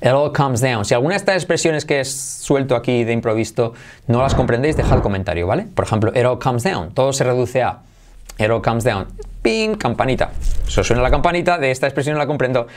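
A man with a Spanish accent from Spain, teaching an online English lesson and repeating words slowly to drill pronunciation. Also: mid-range voice, lively intonation.

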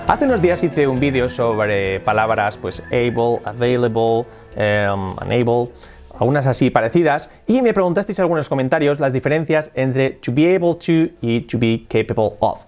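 Lively man teaching English. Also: mid-range voice, soft background music. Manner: explanatory, repeats examples slowly, lively intonation. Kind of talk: casual video lesson.

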